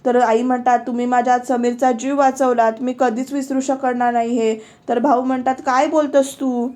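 Female voice-over reviewer: high-pitched, level delivery, steady scene-by-scene retelling of a TV drama. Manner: retells scenes, reading out characters' dialogue. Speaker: serial reviewer. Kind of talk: voice-over recap of a TV serial.

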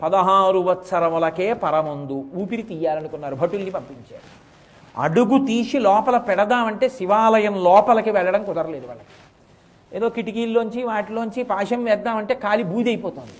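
High voiced middle aged guy doing a devotional story talk, slows down to chant old verses. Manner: chants verses slowly and declaims. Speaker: religious discourse speaker.

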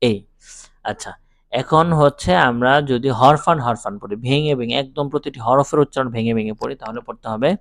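A man teaching a Quran lesson, explaining pronunciation step by step and reciting verses slowly in a chanting melody. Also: mid-range voice, no room sound, clean studio sound.

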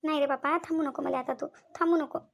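Cartoon mother, middle-aged and aggrieved, voiced by a woman, rattling off quick gravelly laments. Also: sits high, fairly even intonation. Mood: self-pitying. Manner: whiny, rapid lamenting. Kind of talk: cartoon voice acting.

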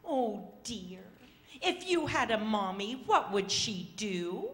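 A woman's voice: medium pitch, very animated, slow pace, fairly bright tone, voice pushed up. A woman voicing a kindly, motherly bear in a children's storybook, with caring, tender exclamations. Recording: echoey hall.

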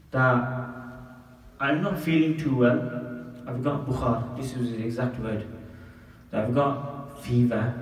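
A man in his thirties giving a Friday sermon as imam, earnest and measured, often asking rhetorical questions. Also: medium pitch, a little mellow. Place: mosque room, indoors. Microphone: desk mic on stand. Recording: echoey hall from far off.

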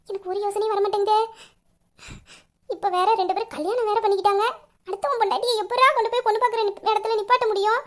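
A young woman voicing a devoted wife who tearfully pleads for her absent husband in an audio drama. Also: extremely high pitch. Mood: worried. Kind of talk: emotional audio drama acting.

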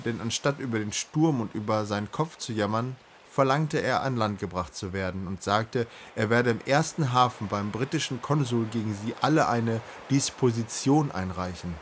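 A man reading a children's novel aloud in a calm, measured way. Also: on the low side, slight background noise. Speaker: audiobook reader.

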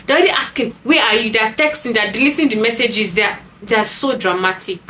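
A woman's voice: fairly high pitch, expressive, fairly quick, sharp tone, a little hiss or hum, rough recording. Sassy woman giving dating advice. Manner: sassy, emphatic, scolding asides. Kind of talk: casual talk to camera.

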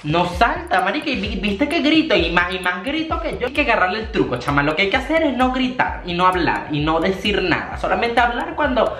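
A young Venezuelan woman who chats excitedly and swears, and yells short sounds to play a voice-controlled phone game. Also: medium pitch, a little fast, few pauses, roomy sound. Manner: excitable, chatty, slangy and profane, yelling "ah" to steer the game. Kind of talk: casual gaming vlog.

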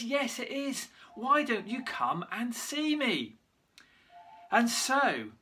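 A bright, sharp-edged voice tells a Bible story with lively energy. The speaker shows props along the way and now and then trips over a name and corrects it. It has the feel of an online worship talk. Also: mid-range voice. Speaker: church leader giving a children's Bible talk.

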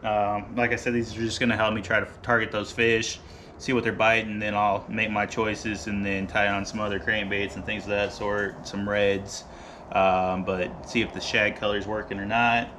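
A man in his thirties with a bright, forward voice talks casually through his gear, relaxed and rambling, full of ums and uhs. He sits in a garage close to the camera mic, with a faint hum behind him. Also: fairly low pitch, moderate pace. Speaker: fishing vlogger. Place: garage, seated by boat gear.

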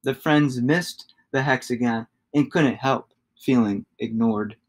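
A man's voice: mid-range voice, slow. Man reading a children's storybook. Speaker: storybook reader. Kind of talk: expressive children's read-aloud.

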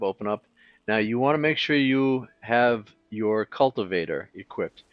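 A man talking through a game tutorial in a relaxed, casual way, thinking aloud with fillers as he clicks along. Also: fairly low pitch, dry recording, muffled recording. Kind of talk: casual screen-recorded tutorial.

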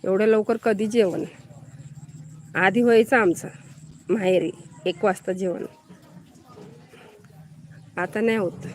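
A woman's voice: mid-range voice, slow, long pauses, a little mellow, slight background noise. A woman from Maharashtra hosting a live stream, chatting casually and answering viewers' comments as she greets them by name.

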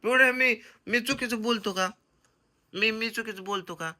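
In a comic family vlog, a young comedian who is a husband and father bosses his wife around loudly, scolding and teasing her. He speaks in a high-pitched voice at normal speed.

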